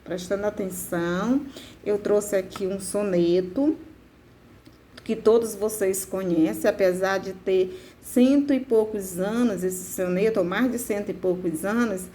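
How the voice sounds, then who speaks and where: Slow, patient woman teaching. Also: medium pitch, mellow, a little hiss or hum. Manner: slow, explaining step by step with frequent checks. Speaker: literature teacher. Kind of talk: classroom lesson.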